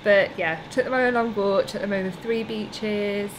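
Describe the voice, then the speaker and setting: A woman's voice: mid-range voice, fairly even intonation, moderate pace. Brief: bubbly young female vlogger, mid-range voice, noisy background. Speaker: travel vlogger. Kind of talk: casual vlog chat.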